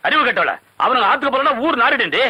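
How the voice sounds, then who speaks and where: An actor playing a bossy village president who snaps out orders in film comedy dialogue. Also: male voice, very high-pitched, sing-song, rapid-fire, sharp tone, husky, heavily acted, poor audio. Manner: ordering people about, brusque.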